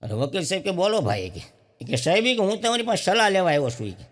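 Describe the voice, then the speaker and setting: High-voiced comedian spinning folksy yarns. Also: male voice, sing-song, quick pace, long reverb tail. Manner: folksy storyteller who acts out each character in quoted dialogue. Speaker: stand-up comedian. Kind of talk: comic storytelling.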